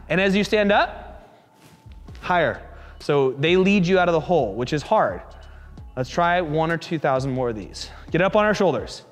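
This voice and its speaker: A man coaching a fitness class, encouraging and joking as he calls out quick repeated cues. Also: sits high. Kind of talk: live coaching class instruction. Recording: echoey hall reverb.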